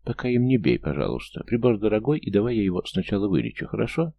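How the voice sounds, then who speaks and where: A man voicing a busy, offhand male doctor in a story reading, brisk and dismissive. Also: on the low side, very animated, gravelly, lo-fi sound, exaggerated voice.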